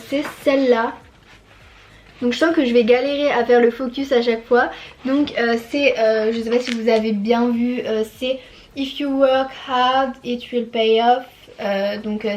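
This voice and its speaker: A woman's voice: a little high, darkish tone. An eighteen-year-old woman chatting casually in a vlog, with many fillers and restarts. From France. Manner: reads English quotes with a French accent. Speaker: YouTuber. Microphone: phone camera.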